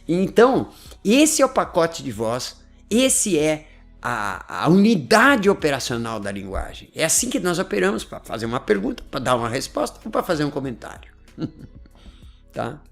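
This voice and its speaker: A man gives a relaxed explanatory talk, his voice gravelly with fry. His pitch swings widely as he talks, and soft music plays faintly underneath. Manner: chatty, laughs often, keeps checking in with "né?" and "tá?". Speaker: host explaining language learning.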